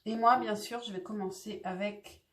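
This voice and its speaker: A woman's voice: mid-range voice, steady tone, normal speed, background noise. A woman doing a casual tarot reading, talking hesitantly with lots of fillers and restarts. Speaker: tarot reader. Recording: echoey room.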